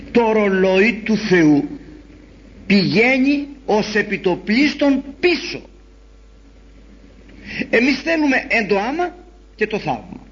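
A man preaching a sermon in an animated storytelling way, acting out the voices he quotes. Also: high-pitched, breathy edge. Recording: dull lo-fi recording.

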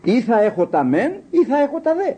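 An older man giving a sermon, telling stories with quoted dialogue and rhetorical questions, in an animated, husky voice. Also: very high-pitched. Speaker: lay preacher.

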